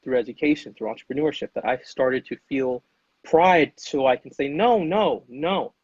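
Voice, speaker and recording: Husky-voiced man, emphatic. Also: mid-range voice, fairly quick, no echo, highs cut off. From United States. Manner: emphatic, keeps checking in with "right?" and calls the listener "dude". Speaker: podcast guest. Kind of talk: earnest conversational monologue.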